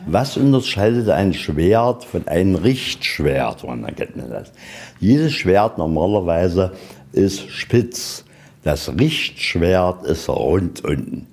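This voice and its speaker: A middle-aged museum guide with a deep, gravelly, slightly mellow voice leads a walking tour inside a museum, speaking slowly but very animatedly. He's informal and matter-of-fact, talking colloquially and often asking questions that he then answers himself.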